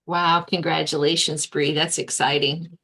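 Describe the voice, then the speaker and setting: A woman near retirement facilitating a casual group meeting, playful and quick to laugh. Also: low voice, little pitch movement, bright, forceful tone.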